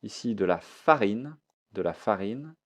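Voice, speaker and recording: A man's voice: on the low side, lively intonation, measured pace. A man teaching a French vocabulary lesson, repeating each word and mixing in English explanations.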